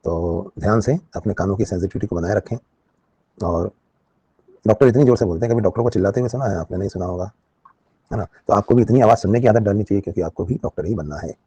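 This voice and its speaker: A man's voice: fairly low pitch, fast talker, warm tone, breathy edge. A man teaching a live online biology class, explaining with everyday examples and checking in with his students often.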